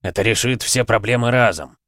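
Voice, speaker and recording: A man's voice: mid-range voice, brisk, fairly bright tone, no room sound, clean studio sound, close to an everyday voice. A man voicing an agitated, blunt male coordinator in an audiobook.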